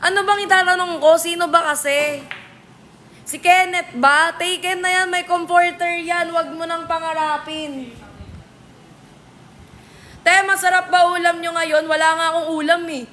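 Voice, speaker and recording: Very high-voiced woman bantering on a live stream. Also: steady tone, sharp tone, a little hiss or hum. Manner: playful, teasing banter with quick comebacks. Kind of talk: casual live-stream chat, answering viewer comments. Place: billiards venue.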